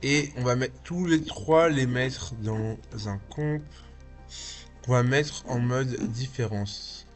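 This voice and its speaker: A male tutorial host, a video artist and VJ, walks through a casual software tutorial in a small indoor home studio with music playing. His medium-pitched voice has a slight lisp, and he goes slowly and informally, step by step, thinking aloud.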